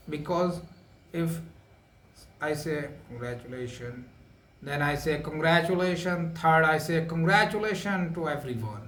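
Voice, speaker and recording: A man giving a spoken English lesson, talking slowly with lots of repetition and filler sounds. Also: fairly high pitch, fairly bright tone. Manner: slow, repetitive, many filler uhs. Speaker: English teacher. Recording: echoey room with faint ambience.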